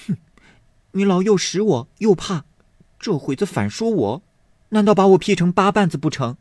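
A pert young servant girl protests in a high, pleading voice that rises and falls, as a male narrator puts her on. The recording is dry and close. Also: expressive, moderate pace, darkish tone, no echo. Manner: pleading, indignant.

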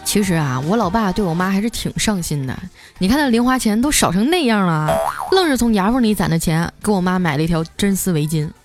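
A woman's voice: mid-range voice, animated, brisk, hardly any pauses. A woman hosts a comic storytelling podcast, chatty and joking. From Northeast China. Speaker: podcast host. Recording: music bed under the voice.

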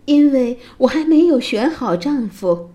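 A woman's voice: high voice, lively intonation, unhurried, mellow, voice pushed up. A woman doing a poised young princess. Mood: lilting.

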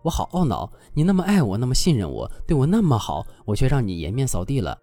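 A man's voice: medium pitch, huge pitch swings, fast, dark tone, dry recording, voice pushed up. A man voicing a coy young woman who sulks, whines and pleads with her boyfriend. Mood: tearful pleading. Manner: whiny, wheedling, pouty.

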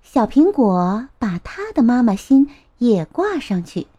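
A woman narrating a children's storybook in a gentle, expressive way. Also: on the high side, takes it slowly.

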